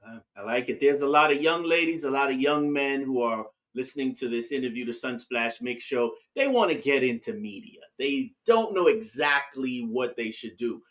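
A man hosting a radio interview, affirming his guest and giving shout-outs between questions. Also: medium pitch, expressive, normal speed, few pauses. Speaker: radio show host. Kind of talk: interview conversation.

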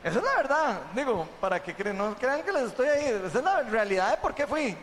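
Un hombre con acento costarricense da su testimonio ante una congregación, contándolo de forma animada y conversada, con muletillas frecuentes. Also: male voice, extremely high pitch, a little fast, big-room sound, slight background noise. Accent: Costa Rican. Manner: chatty, animated storytelling, tags sentences with "¿verdad?". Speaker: church member giving testimony.

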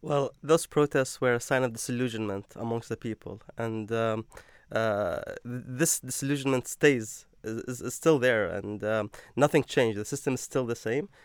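A young man speaking as a guest on a panel, hesitant and full of fillers. His voice is smooth and resonant, and it is recorded dry and close. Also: medium pitch, moderate pace, dry recording. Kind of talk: panel discussion.

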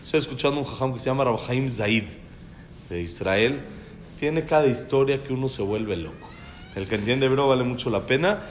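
A man telling a story to a class, animated and acting out the dialogue. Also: mid-range voice, moderate pace, slight background noise.

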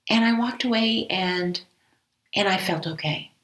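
A woman guest in an interview, telling a personal story in an earnest, measured way that often sinks to a near-whisper. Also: mid-range voice, fairly bright tone, poor audio. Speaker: interview guest, former agency director.

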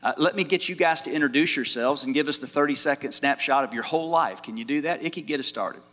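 Chatty pastor moderating a panel in a hall. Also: male voice, fairly high pitch, quick pace, a bit bright. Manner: friendly, joking, chatty. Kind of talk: casual moderating at a church event.

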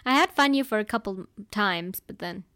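A woman's voice: medium pitch, lively intonation, normal speed, sharp tone, no echo, clean studio sound. A young woman hosting a podcast, chatting casually with a friend, giggly and trailing off at times. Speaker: podcast host. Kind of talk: casual chat.

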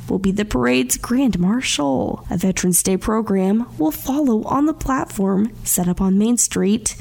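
High-voiced woman reading local radio news. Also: gravelly, mellow. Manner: measured, formal newsreader delivery.

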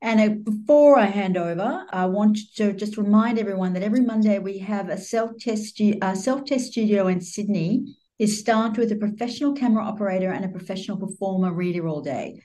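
Dark-voiced woman making announcements. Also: mid-range voice, a little fast, hardly any pauses. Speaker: event host giving housekeeping announcements. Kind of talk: semi-formal spoken announcement.

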